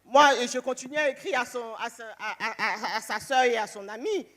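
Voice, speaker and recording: A woman giving an emotional church testimony, animated, acting out the phone calls she tells about. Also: on the high side, brisk, in a large hall.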